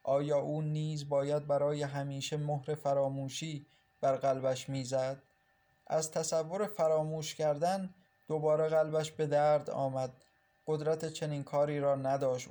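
A man narrating an audiobook in a measured, sorrowful reading. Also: fairly high pitch, dark tone.

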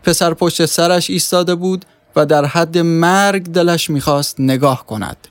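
A man's voice: on the high side, clean tone, no echo. Man narrating a story. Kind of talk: scripted audiobook narration.

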